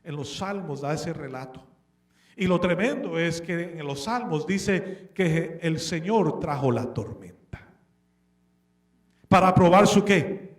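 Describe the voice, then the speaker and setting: A man's voice: on the high side, lively intonation, measured pace. A man preaching a sermon with animation, asking the congregation questions and slipping English words into his speech. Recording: echoey room, distant mic.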